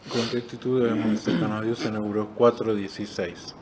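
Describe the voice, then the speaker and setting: Male Bible teacher, Rioplatense accent, lowish voice, conversational, noisy recording. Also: little pitch movement, brisk. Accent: Rioplatense Spanish. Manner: conversational, explains with examples, fills with "este". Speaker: discipleship teacher. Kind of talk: Bible study class.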